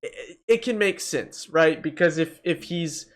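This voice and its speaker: With a fairly high voice and an unhurried delivery, the host of a gaming video gives casual, slangy, blunt rankings. He refers to viewers as bro, and music plays behind him.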